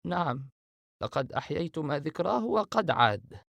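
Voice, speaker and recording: A man's voice: fairly high pitch, lively intonation, gravelly, a bit bright, dry recording, lo-fi sound, pitched above the performer's own voice, exaggerated voice. Man doing a solemn, raised-voice older sister. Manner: solemn, measured explaining. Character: grave, knowing older sister. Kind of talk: audiobook character reading.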